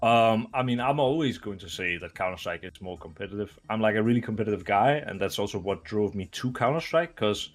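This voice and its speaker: A man in his twenties from Denmark, a retired esports player answering interview questions in a relaxed, rambling way with many fillers. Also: lowish voice, a little fast, few pauses. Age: 20s. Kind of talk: casual video interview.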